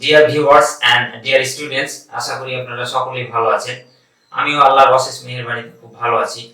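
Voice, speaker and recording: A man with a Bangladeshi accent teaching an online English pronunciation class. He says each word slowly several times and then gives its meaning. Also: medium pitch, level tone, sharp tone, very echoey, far from the mic, poor audio. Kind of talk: online language lesson.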